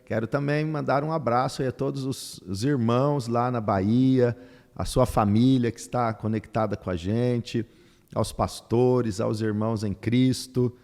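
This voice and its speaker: An older man, a pastor hosting a podcast, who opens with a slow, solemn prayer and welcomes his guest. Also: mid-range voice, fairly even intonation, darkish tone, in a large hall.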